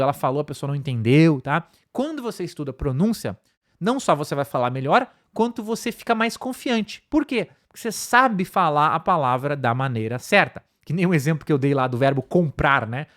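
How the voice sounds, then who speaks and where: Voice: medium pitch, animated, a bit bright. Um professor de inglês com sotaque brasileiro explica pronúncia numa aula de curso online, repetindo palavras devagar para demonstrar e pontuando as frases com "tá?" e "né?". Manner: explanatory, tag questions "tá?" and "né?", repeats words slowly to demonstrate. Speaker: English teacher. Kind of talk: online course lesson.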